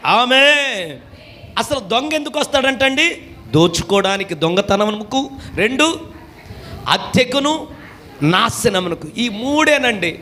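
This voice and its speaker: A man with a Telugu accent preaches a fervent revival sermon, his voice riding high and often breaking into shouted calls for the crowd to clap and say amen. A faint hum of the gathering sits behind him. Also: animated, slow pace, pauses often. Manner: shouts commands for amens and clapping, wide swings in pitch. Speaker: pastor. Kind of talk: call-and-response revival sermon. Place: church gathering.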